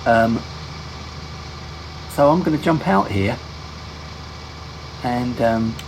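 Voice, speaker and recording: A man hosting his own gaming channel, giving relaxed gameplay commentary and often correcting himself mid-sentence. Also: mid-range voice, very slow, creaky, background noise.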